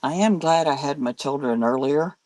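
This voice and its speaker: A woman's voice: sits low, normal speed, darkish tone, dry recording. An older woman, a grandmother, chatting casually on a live stream, laughing often and answering viewer comments as she talks. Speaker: live-selling host.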